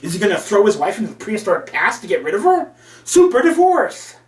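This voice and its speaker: A man's voice: high voice, wildly swooping pitch, quick pace. A man reviewing an old comic book with sarcastic, crude asides. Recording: roomy, from a distance.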